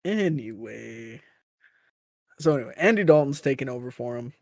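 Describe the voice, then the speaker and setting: A man's voice: mid-range voice, animated, very fast, darkish tone, dry recording, studio quality. A man co-hosting a casual sports podcast, talking in loose, self-correcting explanations. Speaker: podcast co-host.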